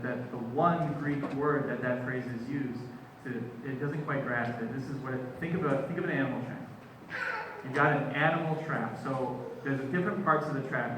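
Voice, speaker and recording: A man's voice: medium pitch, a bit bright, slight background noise. A male pastor giving a sermon, emphatic and conversational, sometimes acting out quoted speech. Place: church sanctuary. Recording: echoey church, mic far off.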